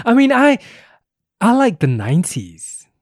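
A man's voice: very high-pitched, huge pitch swings, slow pace, dry recording, clean studio sound. A man, hosting a podcast in casual chat and laughing often. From England. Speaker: podcast host.

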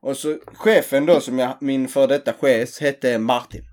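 A man's voice: medium pitch, steady tone, darkish tone. A man in casual chat telling an embarrassing story about himself, acting out the quoted lines. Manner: self-mocking, acts out quoted lines.

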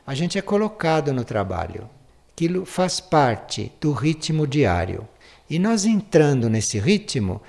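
A man giving a spiritual lecture in a slow, measured and contemplative way, like a teacher. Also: on the high side, a little mellow.

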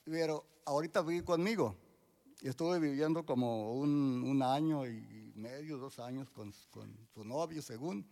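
Gravelly older man, halting. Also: medium pitch, dark tone. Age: 60s. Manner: halting, many restarts and fillers. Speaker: church member giving testimony. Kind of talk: church testimony.

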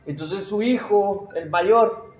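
A man's voice: high voice, slow pace, darkish tone, echoey room, a little hiss or hum. A young man with a Mexican Spanish accent telling a story in casual chat, slangy and laughing as he acts out the voices of other people.

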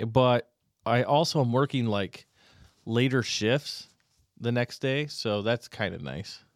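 A man, co-hosting a podcast in rambling, halting casual chat full of restarts. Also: mid-range voice, no room sound, clean studio sound. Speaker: podcast co-host.

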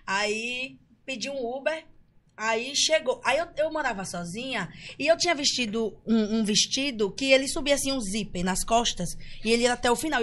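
A woman, telling a story as a guest in a casual podcast chat, animated and laughing. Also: a little high.

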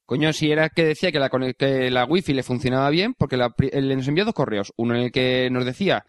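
Man, podcast co-host, rapid and explanatory, dry close sound. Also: mid-range voice, no room sound. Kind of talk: casual podcast chat.

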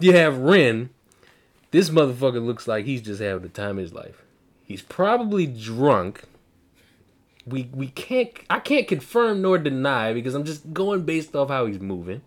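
A man hosting a podcast, loud and boastful, trash-talking and swearing in casual banter with friends in a room. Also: on the high side. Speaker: podcast host.

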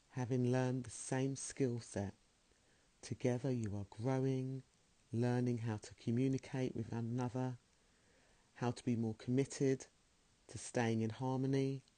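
A man leading a guided meditation in a slow, soothing, soft-spoken way. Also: mid-range voice, no echo.

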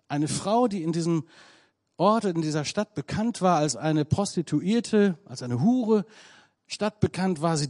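Delivering a German sermon in a fairly high-pitched voice, this man narrates a story conversationally, sometimes animated and sometimes quiet.

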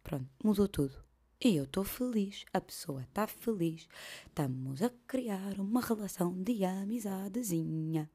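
Animated woman with a European Portuguese accent. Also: mid-range voice, a little slow, slightly rough. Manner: swears freely, animated storytelling with whispered asides. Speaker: podcast host. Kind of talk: casual comedic monologue.

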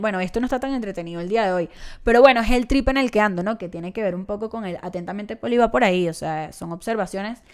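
Venezuelan woman podcaster, young, chatty and self-mocking, smooth clear voice, mid pitch. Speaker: podcast host and comedian. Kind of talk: casual solo podcast monologue.

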